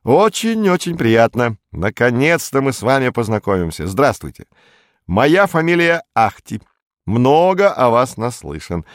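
A man voicing a sporty young male director with a clear, ringing voice and an effusive, sing-song manner in an audiobook. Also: medium pitch, very animated, measured pace, no room sound, studio quality, voice pushed up.

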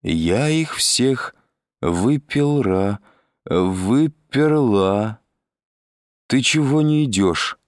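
Drunk young woman on the phone, voiced by a male reader: slurred, drawn-out, stumbling, pitched high above his usual voice, in a storybook reading. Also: expressive, dry recording, clean studio sound.

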